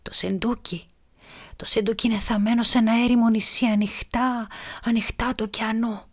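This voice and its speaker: A woman's voice: medium pitch, steady tone, dark tone, lightly acted. A woman voicing a dying old pirate, speaking faintly in a whisper in a storybook. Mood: secretive. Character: dying old male pirate, weak and sly.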